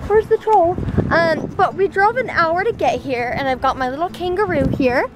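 A young woman vlogging casually to a handheld camera, bubbly and chatty, quick to laugh. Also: very high voice, noisy background. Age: young adult. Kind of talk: casual chat.

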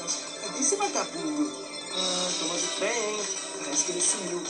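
High-voiced excitable Brazilian gaming man. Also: moderate pace, rough recording. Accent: Brazilian Portuguese. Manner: excitable, frequent shouts and exclamations. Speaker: gameplay commentator. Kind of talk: excitable let's-play commentary. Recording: loud game music behind. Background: loud game music.

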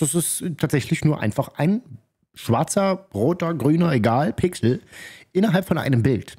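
A man hosting his channel, explaining and commenting in a calm, matter-of-fact, slightly teasing way. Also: mid-range voice, breathy edge. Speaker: channel host baiting a scammer. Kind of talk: vlog commentary and recorded phone call.

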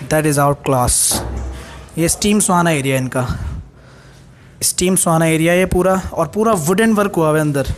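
A young man from Pakistan giving an excited walking tour of a large gym as a fitness vlogger, filming on a handheld phone. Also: high-pitched, slight background noise. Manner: excited, enthusiastic, mixing in English phrases. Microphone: handheld phone camera. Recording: long hall reverb, faint ambience.

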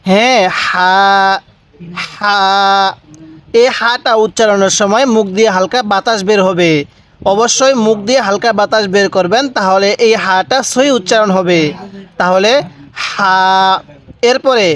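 Male teacher, high-pitched, patient step-by-step letter lesson with call-and-repeat drills. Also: a bit bright. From Bangladesh. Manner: slow, repeats each letter and asks listeners to say it back. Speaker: Quran reading teacher.

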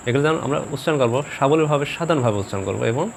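A man teaching pronunciation in a video lesson, speaking slowly and deliberately and repeating each example word for practice. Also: medium pitch, a little hiss or hum.

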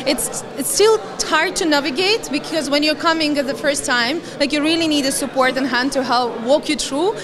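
A Latvian woman in her thirties, a fund managing partner, gives earnest answers in a conference interview, her grammar slightly non-native. Her voice sits high, at a moderate pace with hardly any pauses, into a handheld mic before a banner wall. Behind her are a busy crowd's chatter and background music.

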